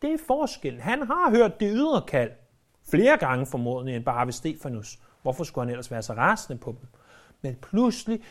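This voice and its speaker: A preacher delivering a sermon in a lively way, often hesitating and repeating words, and acting out quoted speech with sudden jumps in pitch. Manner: frequent hesitation fillers and word repeats.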